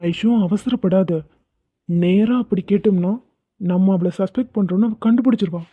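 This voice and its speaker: A woman voicing an exasperated young husband in an animated comedy, teasing and pleading with his wife. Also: mid-range voice, normal speed, breathy edge, no echo, natural voice. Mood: coaxing. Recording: tinny phone-like sound.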